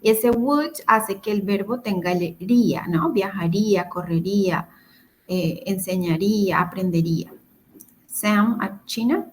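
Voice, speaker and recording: A woman's voice: mid-range voice, a little slow, rough recording. A woman teaching English grammar in a recorded video-call lesson, explaining step by step, repeating words and checking in with her students.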